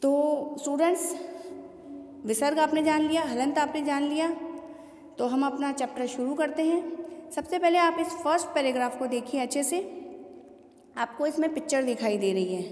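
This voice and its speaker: A woman teacher with a high voice walks students through pronunciation, saying each word slowly and repeating it. She stops often to ask whether they follow. The sound rings around a hollow room with a long tail of reverb. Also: a little mellow. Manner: patient, repeats words slowly and asks students questions. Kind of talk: classroom lesson explaining Sanskrit pronunciation.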